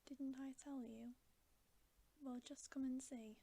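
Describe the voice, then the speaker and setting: An excitable, homely male beaver from a storybook, as a woman reader puts him on. He exclaims eagerly in a breathy half-whisper. The delivery stays slow and mellow. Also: sits high, heavily acted. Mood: delighted, triumphant.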